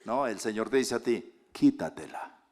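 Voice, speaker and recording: Colombian pastor preaching with big dynamic swings. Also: male voice, medium pitch, animated, measured pace. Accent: Colombian Spanish. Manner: swings from loud emphatic preaching to soft hushed asides. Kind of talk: sermon.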